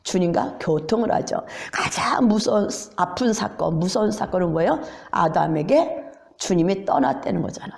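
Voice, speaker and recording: A woman's voice: lowish voice, lively intonation, normal speed, creaky, darkish tone. A woman pastor preaching emotionally, asking the congregation rhetorical questions and dropping into whispers for emphasis. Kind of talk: sermon.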